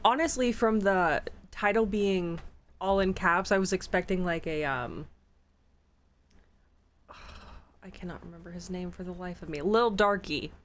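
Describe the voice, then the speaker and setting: A woman co-hosting a podcast, chatting about music in a relaxed, easygoing way. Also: on the low side, a little slow, long pauses, a little hiss or hum. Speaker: podcast co-host. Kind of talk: casual chat about music.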